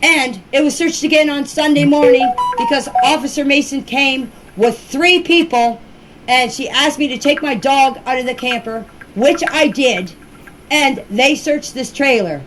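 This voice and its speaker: In an informal voice message, a high-voiced woman answers questions with her personal account, defensive and insistent as she firmly stresses her points. She speaks unhurriedly, and faint background noise runs under the amateur recording.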